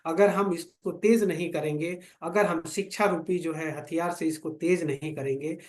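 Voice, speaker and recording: A man's voice: fairly high pitch, fairly even intonation, moderate pace, a little mellow. A man giving a motivational business training talk to a small meeting, preaching and asking rhetorical questions with repeated phrases. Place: meeting room with fifteen to twenty people.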